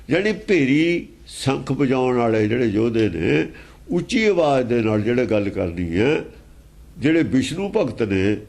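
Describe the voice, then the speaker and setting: A man with a mid-range, darkish voice explains scripture verse by verse, teaching in an emphatic, argumentative style and posing pointed rhetorical questions.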